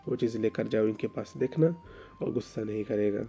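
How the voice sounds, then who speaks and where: A man's voice: lowish voice, brisk, vocal fry, dark tone, breathy edge, pitched below the performer's own voice. A man voicing a teasing, bossy older sibling.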